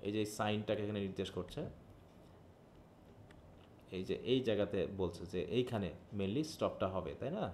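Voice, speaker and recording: A man's voice: fairly low pitch, a little mellow, a little hiss or hum. A male teacher whose first language is Bengali, leading a live phonetics lesson, explaining step by step and checking in with his students. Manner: reads English text aloud slowly. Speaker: English teacher. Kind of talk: live online class lecture.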